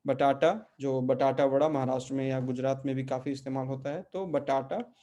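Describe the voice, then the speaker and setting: A middle-aged Portuguese teacher leads an online language lesson in Hindi, patiently explaining pronunciation and frequently checking on students. His medium-pitched, mellow voice is brisk with fairly even intonation, and the sound is lo-fi.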